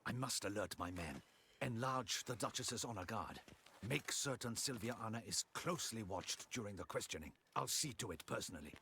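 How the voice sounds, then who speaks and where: An actor playing a dutiful palace guard commander in a video game, with formal, courtly, crisp diction. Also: male voice, lowish voice, expressive, normal speed, bright, forceful tone. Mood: indignant, resolute.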